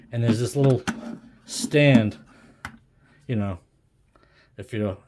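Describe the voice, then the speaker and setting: A middle-aged man of medium pitch rambles casually to himself, hesitant and self-deprecating, while displaying an object in his video. He's an amateur video maker at a wooden desk in a room at home, musing as he goes. Recorded by a camera or phone on a tripod, the sound is clearly noisy with clicks.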